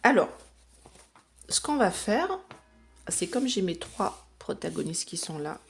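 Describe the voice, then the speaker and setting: A woman's voice: mid-range voice, big pitch swings, slow, vocal fry, breathy edge, soft background music. A woman chatting casually to camera as she lays out runes and cards for a reading, explaining each step with plenty of fillers. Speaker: psychic reader.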